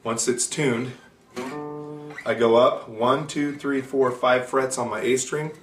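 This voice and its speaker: A man teaching guitar in a casual video lesson, talking in a relaxed, chatty way with fillers and restarts. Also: medium pitch, slow. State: has the hiccups. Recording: echoey room with guitar playing.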